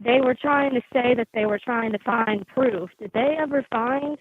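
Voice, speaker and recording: A woman's voice: fairly high pitch, moderate pace, breathy edge, dry recording. Woman caller on a muffled phone line. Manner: hesitant, many ums and restarts. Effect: muffled call-in phone audio that breaks up. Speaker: caller to a live stream. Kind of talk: casual chat.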